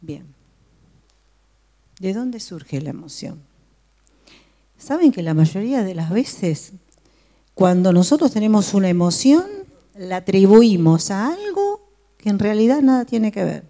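A woman's voice: medium pitch, very animated, unhurried, pauses often, dark tone. A woman teaching a Bible study to a group, often asking her listeners questions. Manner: asks the listeners frequent questions.

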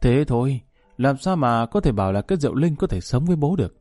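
Male reader as a stern aging father in an audio story: curt, cold, dark-toned. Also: medium pitch, sing-song, fast, no echo, clean studio sound, faint music behind. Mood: gruff. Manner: curt, scolding.

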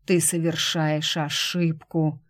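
A woman voicing a wounded man who gasps out his words in a rasping voice, in an audiobook. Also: low voice, flat delivery, slow pace. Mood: strained rasping. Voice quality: rasping, breathless. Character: wounded man, hoarse dying warrior. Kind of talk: audiobook character voice.

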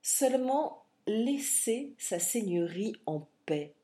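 A woman voicing a timid male lawyer who cries out anxiously and then pleads to calm a threat, in an audiobook reading. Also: a little high, takes it slowly, pitched above the performer's own voice. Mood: placating.

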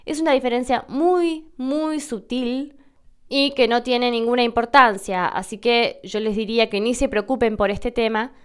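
A young adult woman from Argentina with an Argentine Spanish accent, hosting a podcast and explaining pronunciation slowly and carefully. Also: on the high side, clean tone. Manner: slow, careful demonstrations of pronunciation. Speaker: podcast host answering listener questions.

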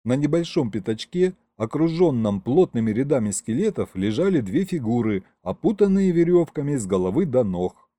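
A man reads a fantasy adventure aloud in the first person. His voice is mellow and dark, and his pitch moves lively through the story. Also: moderate pace, no echo. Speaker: audiobook narrator. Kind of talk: scripted narration.

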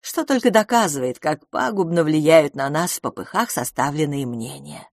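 A meek, romantic middle-aged spinster speaking low, soft and slow, as a woman reads her in an audiobook. The voice is close and dry. The sound has no room echo. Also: lively intonation, creaky, full character voice. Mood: earnest.

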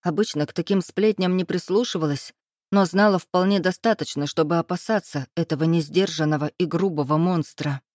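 A woman reading a first-person novel aloud in a steady, even storytelling manner. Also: lowish voice, fairly quick, dry recording, clean studio sound. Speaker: audiobook narrator. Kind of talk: first-person scripted narration.

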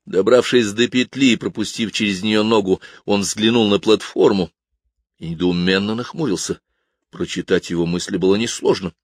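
A man reading a novel aloud in a measured, even storytelling manner. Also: fairly low pitch, dry recording, clean studio sound. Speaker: audiobook narrator. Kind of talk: scripted narration.

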